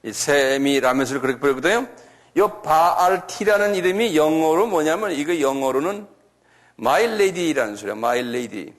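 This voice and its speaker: A man giving a church lecture, slowly spelling out and repeating foreign names and often asking his listeners questions. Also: a little high, animated. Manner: slow, repetitive, asks the audience questions. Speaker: lecturer on creationism.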